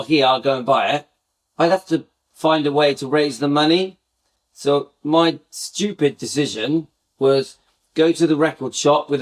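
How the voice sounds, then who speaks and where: His slightly high voice carries a loose, meandering fan chat as he reminisces with viewers live. This middle-aged channel host restarts himself again and again.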